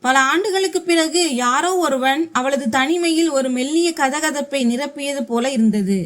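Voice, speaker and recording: A woman's voice: high-pitched, measured pace. A woman reading a scripted story aloud as narrator, giving the characters' quotes in her own voice.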